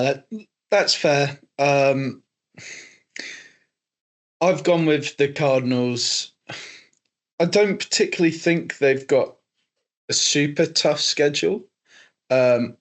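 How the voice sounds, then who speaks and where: A young man co-hosting a casual sports podcast, hesitant and quick to laugh. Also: medium pitch. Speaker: co-host.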